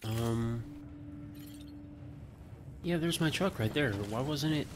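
A man livestreaming a video game, casually thinking aloud in a low-key way as he plays. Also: animated, slow pace, background noise. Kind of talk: casual play-by-play gameplay commentary. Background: faint game music.

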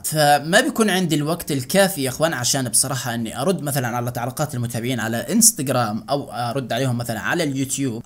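A young man with a Jordanian Arabic accent, a gaming YouTuber answering fan questions in casual, joking chat. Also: on the high side. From Jordan, Iraqi family. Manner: excitable, joking, chatty. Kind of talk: casual Q&A with fans.

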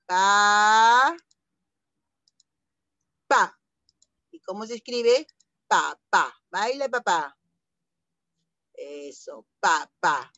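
A woman's voice: mid-range voice, expressive, takes it slowly, long pauses, fairly bright tone, no echo, lo-fi sound. A middle-aged woman, teaching young children to read and patiently sounding out syllables. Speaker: primary school teacher. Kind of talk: online reading lesson for young children.

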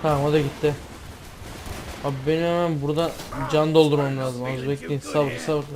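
A man from Turkey giving excitable gameplay commentary, swearing and yelling when startled. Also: a little high, brisk, a crowd in the background. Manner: excitable, swears and yells in surprise. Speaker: gamer.

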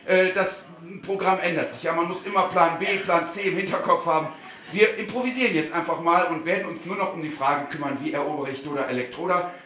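A male comedian performing a live stage show, speaking to the audience in a mock-formal, animated way and sometimes shouting. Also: on the high side, a little fast. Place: theater stage. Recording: roomy theater sound.

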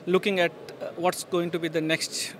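A man's voice: high voice, little pitch movement, moderate pace, a bit bright. A middle-aged man answering questions at a trade show booth, speaking with frequent fillers and restarts into a handheld mic. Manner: hesitant, many fillers and restarts. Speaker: industry guest at a trade show. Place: busy exhibition hall booth. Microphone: handheld interviewer mic. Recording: faint trade show hall noise.

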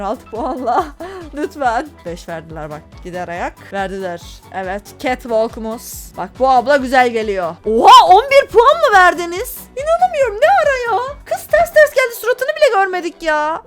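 A woman's voice: fairly high pitch, a bit bright. A young woman hosting a gaming channel, giving casual play-by-play commentary with dramatic, exasperated complaints.

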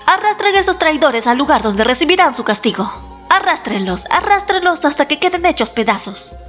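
A woman voicing a proud, victorious male Inca general who speaks harshly and boastfully, with soft music behind. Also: high voice, very animated, fairly quick, voice pushed up. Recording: slightly dull, soft background music.

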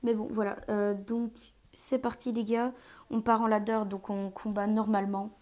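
A woman's voice: mid-range voice, little pitch movement, moderate pace, a little mellow. A woman streaming live gameplay commentary through an earphone mic, hesitant with many fillers and sometimes dropping to a whisper.

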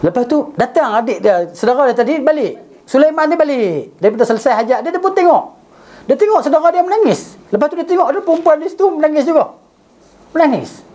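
A man's voice: very high voice, expressive, quick pace, darkish tone. A man, a religious teacher telling a story in class. He recites Arabic and then explains it, and keeps checking with his listeners.

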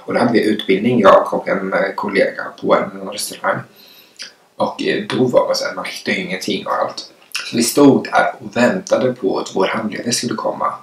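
A man's voice: fairly low pitch, steady tone, a bit bright. A young man vlogger telling work stories while eating, chatty and rambling with many restarts. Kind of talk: casual storytelling while eating. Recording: echoey room, mic some distance away.

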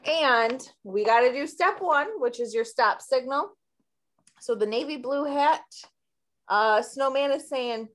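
A woman teacher explaining a classroom lesson step by step in a slow, friendly way. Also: high-pitched.

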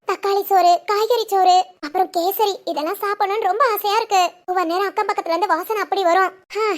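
Woman voicing an anxious young pregnant wife. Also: very high-pitched. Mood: wistful. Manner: pleading, worried, earnest. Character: young pregnant married daughter, anxious and put-upon. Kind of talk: cartoon family drama phone call.

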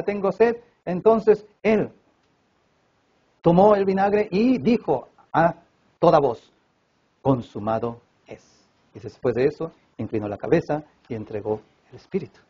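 A man preaching a sermon at a church service, swinging between loud emphatic cries and hushed low passages. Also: slightly rough, muffled recording. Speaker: pastor.

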